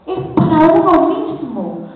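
High-voiced Argentine woman preaching in an echoing hall. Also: big pitch swings, slow. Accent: Argentine Spanish. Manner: fervent, exhorting, addresses the women directly. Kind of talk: sermon. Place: large conference hall. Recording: tinny, echoey hall recording from far off.

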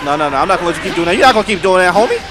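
A man hosting a gaming channel, giving excitable live gameplay commentary as he talks to the screen, with frequent outbursts and shouts. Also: high voice, racing, a crowd in the background. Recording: game music playing behind.

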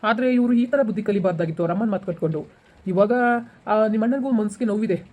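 A man playing a gentle, patient village husband. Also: sits high, quick pace. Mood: reassuring. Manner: calm, soothing, reassuring. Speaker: husband in a village family drama. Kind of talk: amateur family drama acting.

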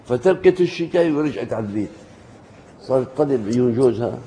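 A man preaching a sermon as an animated storyteller, acting out the people he quotes and rising in pitch to stress points. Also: fast, slight background noise.

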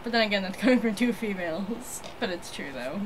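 A woman's voice: medium pitch, lively intonation, brisk, background noise. A young woman co-hosting a casual book discussion, giggly and chatty, loosely summarizing the story. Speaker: podcast co-host reading a book.

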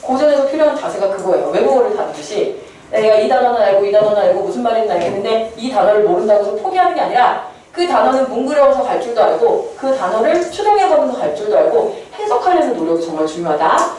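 A woman's voice: a little high, expressive, fast, darkish tone. Chatty woman teacher, very echoey classroom. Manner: chatty, asks the class questions and answers them herself. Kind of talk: classroom lecture. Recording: very echoey classroom, distant mic, faint room noise.

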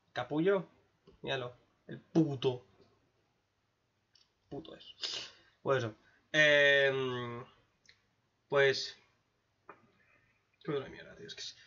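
Hombre con acento de España, comenta y despotrica con tacos, voz aguda y brillante. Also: male voice, a little high, a bit bright, far from the mic, dull audio. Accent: Spain Spanish. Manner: sweary, ranting, sarcastic. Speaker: reaction video host. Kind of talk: casual profane commentary.

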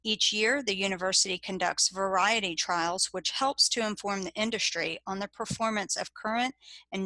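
A woman with an American accent reading a scripted slideshow narration as an extension educator, in a steady, informative way. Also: mid-range voice, no room sound.

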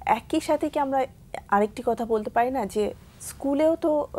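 A woman's voice: high-pitched, normal speed, warm tone. Polite Bangladeshi woman hosting a talk show. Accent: Bangladeshi Bengali. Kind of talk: studio interview.

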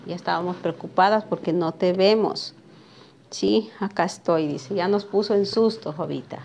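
At a cutting table in a sewing workshop, a sewing teacher drafts a pattern during a live lesson, chatting with viewers by name and often asking "¿sí?" to check in. Her voice is lowish, creaky and a little mellow at normal speed, with slight hiss or hum.

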